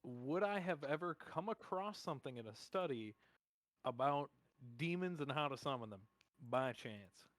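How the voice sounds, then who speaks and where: A man's voice: on the high side, lively intonation, normal speed, a bit bright, no echo. A man playing a tabletop game, chatting casually, joking and laughing often. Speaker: player.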